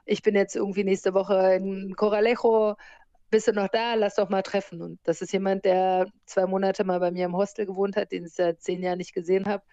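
A woman in her forties, born in America and raised in Germany, talking about her life abroad in a relaxed interview and laughing now and then. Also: medium pitch, a little fast, no room sound, lo-fi sound. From born in the US, grew up in Germany. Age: 40s. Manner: lively, laughs often while telling stories. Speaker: interview guest, surf instructor and hostel owner.

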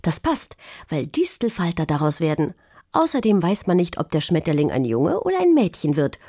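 A woman's voice: fairly low pitch, huge pitch swings, normal speed, dark tone, dry recording, clean studio sound, full character voice. A woman voicing a shy, kind young girl who loves animals, in a children's audio story. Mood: eager. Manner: timid, eager when explaining.

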